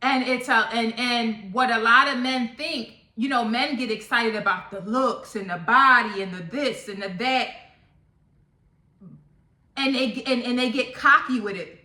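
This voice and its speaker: A slightly high, pushed and bright female voice moves at a measured pace. She's a topic channel vlogger in her thirties sharing a casual opinion piece with viewers, blunt and emphatic, with repeated points. The room is echoey.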